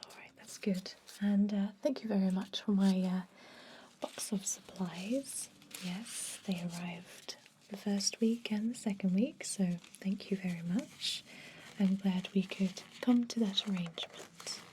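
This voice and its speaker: This ASMR clip has a woman taking on the role of a vampire dentist who is calm and businesslike, whispering her instructions softly and gently. She speaks in a mid-range voice without hurry, and a faint hiss or hum runs underneath.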